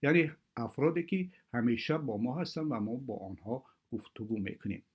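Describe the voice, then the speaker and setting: A man opens a language course. He talks formally and at a measured pace, explaining how learners should use the lessons. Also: mid-range voice, lively intonation, a little mellow, breathy edge. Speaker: course presenter.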